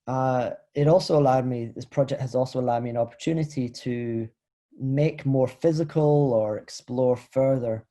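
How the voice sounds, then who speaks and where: A man from the Scottish Highlands giving an academic talk over a video call, thoughtful and hesitant, with many fillers and restarts. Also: normal speed, dark tone. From Highlands of Scotland. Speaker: lecturer. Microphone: video call computer mic.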